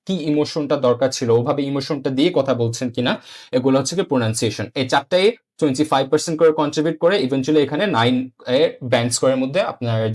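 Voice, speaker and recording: A man teaching a beginner exam-prep lesson, explaining patiently and often repeating himself, with English terms mixed in and frequent "uh" fillers. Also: medium pitch. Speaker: IELTS teacher.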